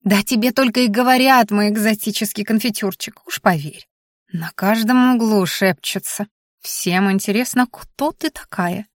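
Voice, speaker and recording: A woman's voice: mid-range voice, moderate pace, dry recording, studio quality, lightly acted. A woman voicing a fussy, dramatic furry female creature who acts as a governess, showering her lady with sugary pet names and prone to hysterics. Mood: scolding, doting. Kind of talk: audiobook character voice.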